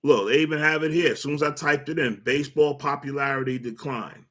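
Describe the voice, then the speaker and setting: A sports commentary host with a mid-range, fairly bright voice talks briskly through a loose, rambling rant, giving blunt opinions. He stumbles over words, repeats himself and fills pauses with "uh" and "you know" while working toward his point.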